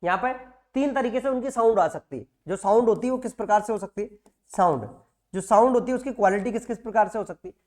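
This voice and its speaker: A man's voice: high-pitched, fast, a little mellow. Man lecturing with constant tag questions. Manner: repeats key words, frequent "है ना" tag questions; asks and answers own questions. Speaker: nursing exam teacher. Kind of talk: classroom lecture.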